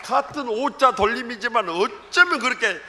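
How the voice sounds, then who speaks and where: Animated, bright-voiced Korean pastor preaching. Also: male voice, normal speed. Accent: Jeolla Korean. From Jeolla, South Korea. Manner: animated storytelling, shifting from loud calls to low asides. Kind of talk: sermon. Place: church sanctuary.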